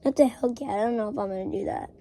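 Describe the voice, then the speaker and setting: A woman's voice: on the high side, racing, warm tone, slight background noise. A woman chatting casually and offhandedly to viewers as she decides which sound effect to make with her mouth next. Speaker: online video creator. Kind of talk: casual chat.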